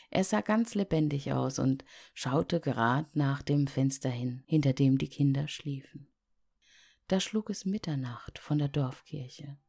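A woman reading a Christmas fairy tale aloud as a calm, unhurried storyteller. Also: low voice, vocal fry, slightly rough. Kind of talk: scripted fairy-tale narration.

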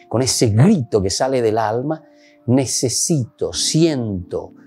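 A man's voice: lowish voice, mellow, slightly rough. A Paraguayan priest preaching a sermon in Spanish mixed with Guarani, with emphatic rises in his voice. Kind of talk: sermon reflection.

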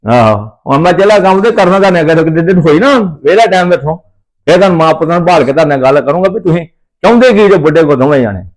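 A man's voice: a little high, expressive, rapid-fire, lightly acted. A man playing an angry ranting father-in-law. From Punjab, India. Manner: ranting, repetitive, threatening. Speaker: father scolding his son. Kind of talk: family comedy skit.

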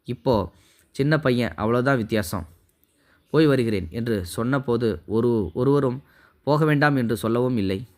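A man narrating a first-person story in a calm, unhurried storytelling way, reading characters' lines in his own voice. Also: mid-range voice.

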